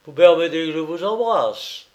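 A man reading a novel aloud, voicing an eager young male illustrator with lively, emphatic delivery. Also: a little high, normal speed, pitched above the performer's own voice, close to an everyday voice. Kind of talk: audiobook character reading.

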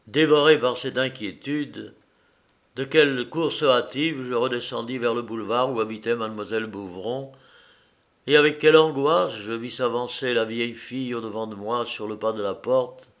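Guy reading a french-style novel out loud, first person, steady and expressive, mid voice. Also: mid-range voice. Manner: measured, expressive literary reading. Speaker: audiobook narrator.

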